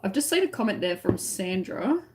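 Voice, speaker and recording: A woman with an Australian accent hosts a crochet tutorial live-stream, chatting casually and ramblingly with viewers and often trailing off mid-thought. Her mid-range voice is a little mellow and sing-song, moving at a normal speed.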